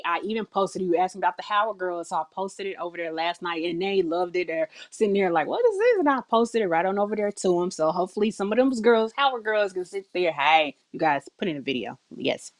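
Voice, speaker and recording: A woman hosting her own interview show, chatting in an excited, effusive, rambling way over a video call. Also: mid-range voice, fairly quick, few pauses. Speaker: host. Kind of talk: casual chat.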